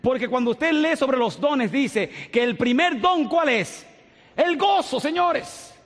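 A man's voice: very high-pitched, lively intonation, takes it slowly, fairly bright tone. A man preaching a joyful sermon as a pastor, telling stories and laughing as he preaches. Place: church. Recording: long reverb of a church hall.

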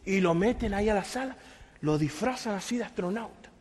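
A male pastor preaching a sermon, telling a story and building to shouted emphasis with rhetorical questions. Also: sits high, expressive, a little fast, slightly rough. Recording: long hall reverb.

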